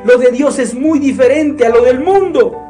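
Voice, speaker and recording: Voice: sits high, normal speed, dark tone, soft background music. A preacher giving a sermon in an earnest, emphatic way, often asking the listeners questions.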